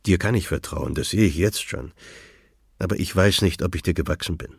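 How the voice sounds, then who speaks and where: A man's voice: low voice, a little fast, gravelly, slightly rough, no echo, clean studio sound, heavily acted. A man voicing a hesitant older man. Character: hesitant, reserved older man, a retired teacher. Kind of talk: audiobook dialogue.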